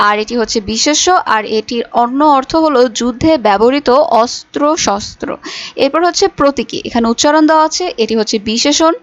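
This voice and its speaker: A woman teacher giving a recorded school lesson, explaining step by step with fillers. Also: high-pitched. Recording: dull lo-fi audio.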